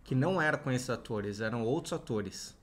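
A man's voice: medium pitch, animated, a little fast. A man in his thirties from Brazil, chatting casually as co-host with a dry, understated manner. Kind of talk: casual chat.

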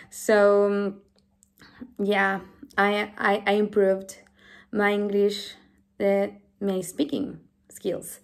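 A Chilean woman in her twenties, a native Spanish speaker who teaches English, records a self-introduction to camera for a volunteering application. Her mid-range, slightly mellow voice carries a Chilean Spanish accent, and she's earnest and friendly, often restarting phrases, filmed close up by a device camera in a small room at home.

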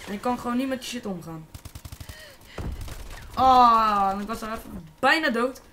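A Dutch teenage boy giving casual, excitable live commentary on a shooter game and swearing freely. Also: very high-pitched, normal speed, background noise. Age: teens. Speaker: gaming YouTuber.

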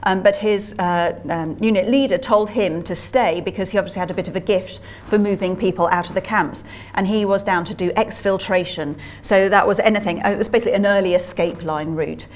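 A woman's voice: medium pitch, steady tone, a little fast. A woman author giving a public history lecture, telling stories in a chatty way with frequent ums and uhs. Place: museum lecture talk.

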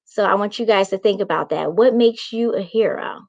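This young author speaks fairly quickly in a medium-pitched, slightly mellow voice with vocal fry as she reads to children and encourages them directly. She uses a video call microphone in a small room at home, and the audio has no echo but the highs are cut off.

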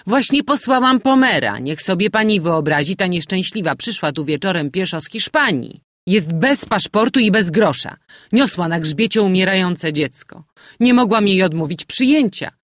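A man's voice: high voice, expressive, normal speed, fairly bright tone, dry recording, clean studio sound, pitched above the performer's own voice. A man voicing a talkative, blunt innkeeper woman with a gossipy, emphatic way of speaking.

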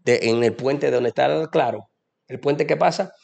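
Young man, gravelly voice, fervent, preachy, religious testimony. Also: mid-range voice, moderate pace, darkish tone. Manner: preachy, fervent, addresses listener as "amado". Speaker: guest giving a testimony.

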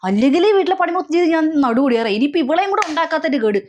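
A woman's voice: sits high, expressive, racing, heavy background noise. Woman doing a grumbling scheming aunt. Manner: grumbling, bossy. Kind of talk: comic family skit.

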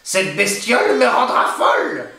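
A man's voice: sits high, very animated, sharp tone, slight background noise, pitched above the performer's own voice, full character voice. A man putting on a grumbling old witch. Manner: slow, grumbling and plaintive. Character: grumpy lonely old female witch. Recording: roomy echo.

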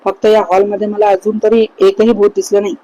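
A woman's voice: medium pitch, level tone, fairly quick, dark tone, close to an everyday voice, poor audio. A woman voicing a scared young man. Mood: pleading. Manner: urgent, pleading. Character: frightened young man, insistent.

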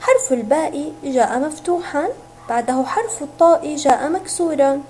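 A woman teacher giving a recorded reading lesson to young children, sounding out syllables slowly and stretching each word. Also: high-pitched, heavy background noise. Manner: slow, drawn-out syllables, sounding words out. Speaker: kindergarten teacher.

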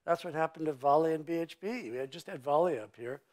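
An older man, a mining executive, is interviewed on a conference stage before an audience, speaking into a lapel mic. His voice is fairly high, quick and darkish in tone, and he talks in an emphatic, blunt, sweeping way full of vivid turns of phrase.

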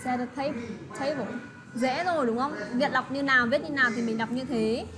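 A woman's voice: high voice, music in the background. Patient woman teaching kids English. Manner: patient, slow model pronunciation with tag questions. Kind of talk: English lesson for children, explained in another language. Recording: steady background noise.

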